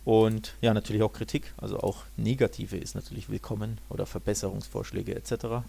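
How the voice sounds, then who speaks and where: A man's voice: on the low side, little pitch movement, fast, vocal fry, warm tone, breathy edge. A man chatting casually as co-host of a football podcast.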